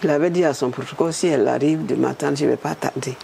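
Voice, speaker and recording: A woman in her eighties from Burkina Faso, a former state secretary telling her story in a lively, animated way. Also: a bass voice, fast talker, vocal fry, a little hiss or hum. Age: 80s. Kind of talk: storytelling interview.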